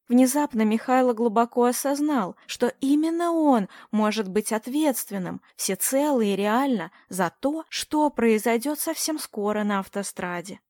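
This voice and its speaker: A woman narrating a novel as an audiobook, in a measured, even way. Her voice sits fairly high. The recording is dry and close, with no room sound. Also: no room sound.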